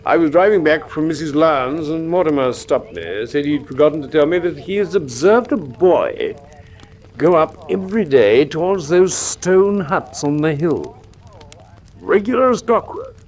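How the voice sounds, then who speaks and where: A man's voice: on the high side, animated, measured pace, a little mellow. A man playing a courteous, persistent English doctor turned investigator in a classic radio drama. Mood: brisk, friendly. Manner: polite, probing, formal.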